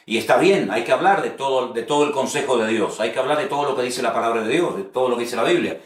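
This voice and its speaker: A man's voice: medium pitch, fast talker, distant mic. A man, a preacher giving an earnest teaching talk on preaching and often repeating phrases for emphasis. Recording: roomy echo, speaker set back from the mic.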